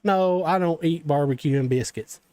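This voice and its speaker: A man with a Southern US accent hosts a casual game development tutorial stream, rambling and speaking straight to his viewers with joking, self-deprecating asides. His voice is a little high and dark in tone, at a normal speed, with no room sound.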